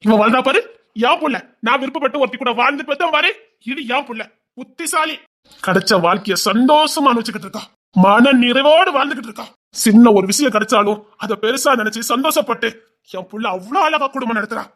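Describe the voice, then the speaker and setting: A man's voice: extremely high pitch, fast, a bit bright. An actor with a Tirunelveli Tamil accent playing a stern, remorseful older father who scolds and then pleads with his daughter. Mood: scolding.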